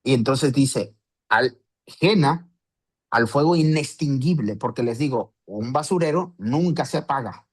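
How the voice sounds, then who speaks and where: Male Bible teacher, mid-pitched, casual explanatory delivery. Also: normal speed, hardly any pauses, darkish tone, slightly rough. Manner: conversational, with rhetorical questions and restarts. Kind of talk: Bible study talk.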